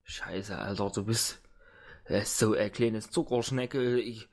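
Brief: a man playing a whiny, panicky bar thug, pitch jumping high when scared. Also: slow pace, a little mellow. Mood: pleading. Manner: whiny, panicky, crude street slang. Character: frightened thuggish male barkeeper, half-blind.

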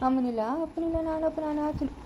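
A woman's voice: high voice, fairly even intonation, fast, dull audio, a little hiss or hum. A woman with a rural Kannada accent acting as a mother in a family drama, coaxing and fussing over her baby in a sing-song voice. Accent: rural Kannada, Chikkaballapura area. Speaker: mother character.

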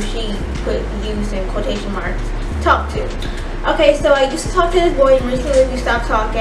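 A young woman with a fairly high voice, talking sassily as a vlog host. Her words come out muffled and slurred, like a mouth full of gauze. The room echoes around her and the mic sits at a distance. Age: young adult. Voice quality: muffled, slurred speech as if mouth stuffed with gauze, from new braces. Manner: sassy, animated. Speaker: YouTube advice host. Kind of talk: casual, profane slangy chat to camera. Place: indoor studio with plain backdrop. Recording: roomy, distant mic with clear noise.

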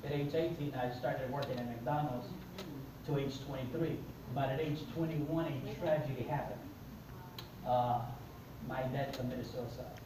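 Crowd noise surrounds this medium-pitched, normally paced voice: a middle-aged Mexican man, Spanish his first language, with a Mexican accent. As a motivational speaker he animatedly shares his personal story to seated listeners, acting out conversations, recorded from far off by an audience camera in an echoing room.

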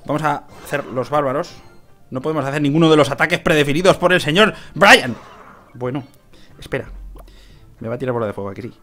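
A man with a Spain Spanish accent commentates his own game in a casual, excitable way, his voice sitting a little high. He swings between muttering to himself and yelling at the screen, with soft music playing underneath. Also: fast talker, long pauses. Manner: excitable, shouts at the game, swears and laughs. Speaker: gaming youtuber.

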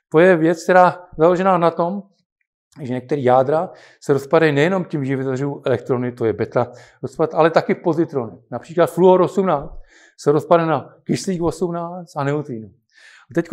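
An older man giving an informal physics lecture in a halting, conversational way, with frequent restarts. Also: fairly high pitch, darkish tone.

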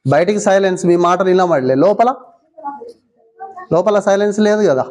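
In a classroom of young schoolchildren, a visiting mindfulness teacher prompts them with one short question after another. She has a Telangana Telugu accent and a slightly mellow, medium-pitched voice at a normal speed.

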